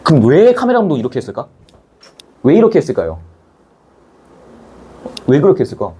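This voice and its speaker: A man's voice: a little high, fairly quick, breathy edge. A man teaching a Korean language class in a casual, chatty way, talking to students in the room. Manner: animated, chatty, acts out scenes, blunt slang.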